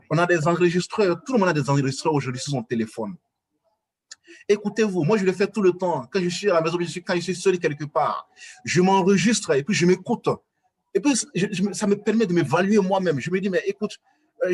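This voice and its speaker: A man with an Ivorian French accent giving earnest advice in a webinar, full of fillers and restarts. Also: fairly high pitch. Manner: hesitant, many fillers and restarts, urging. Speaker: guest speaker.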